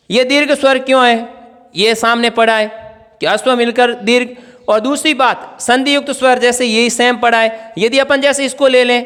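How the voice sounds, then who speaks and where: A man's voice: very high voice, fairly bright tone, clear, resonant tone, in a large hall. A male teacher giving an exam-prep grammar lesson, asking questions and answering them himself as he writes on a board. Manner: writes on a board while explaining.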